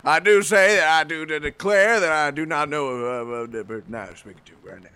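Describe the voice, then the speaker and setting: A man's voice: a little high, a little fast, pushed and bright, smooth. A man playing a half-deaf, pompous old judge in an improvised comedy scene, rambling and declaring in a folksy drawl.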